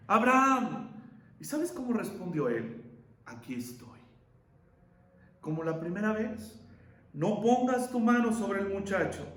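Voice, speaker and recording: A male pastor preaching a sermon, asking rhetorical questions and pausing for effect. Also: high voice, darkish tone, roomy sound.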